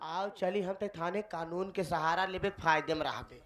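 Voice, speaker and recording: A man playing a shrill pleading elder sister. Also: unhurried, sharp tone, exaggerated voice. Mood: urging. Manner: insistent, pleading. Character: anxious doting elder sister, middle-aged woman. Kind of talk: folk stage theatre.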